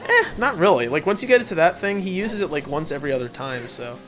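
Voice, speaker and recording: Hosting a let's play, a man jokes and banters through casual game commentary while video game music plays behind him. His voice is a little high and fairly bright, moving quickly with big pitch swings.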